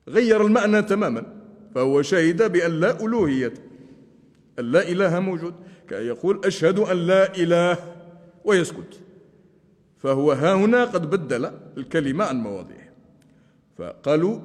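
A male Islamic scholar gives a religious lesson, speaking deliberately and slowing down to demonstrate chanted phrases. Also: a little high, darkish tone. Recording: long hall reverb.

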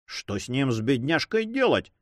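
A man's voice: mid-range voice, sing-song, measured pace, no room sound, clean studio sound. A man voicing a coarse pirate henchman who talks in a mocking, offhand way. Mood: jeering.

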